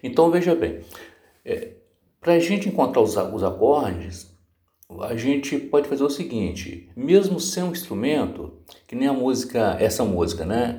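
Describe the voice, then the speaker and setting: Male guitar teacher, patient and casual, dark mellow tone, roomy sound with guitar under him. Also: mid-range voice. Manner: patient, repeats filler words, sings chord names off-key. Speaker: music teacher. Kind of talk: casual guitar lesson podcast.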